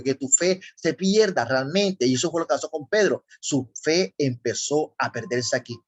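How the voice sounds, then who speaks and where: A man preaching a sermon, often pausing to ask his listeners rhetorical questions. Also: fairly high pitch. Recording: slightly dull lo-fi recording.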